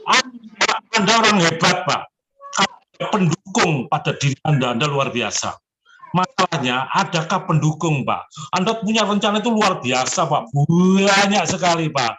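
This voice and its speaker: Older guy in his 70s, kinda high voice, doing fortune readings, encouraging and emphatic. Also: expressive, normal speed, background noise. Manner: encouraging and emphatic, often addresses the listener as sir. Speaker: zodiac fortune consultant. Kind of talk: giving personal readings on an online call.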